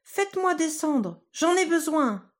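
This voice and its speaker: A woman voicing a tiny bold boy no bigger than a thumb, with high, cheeky, piping cries. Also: big pitch swings, measured pace. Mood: pleading.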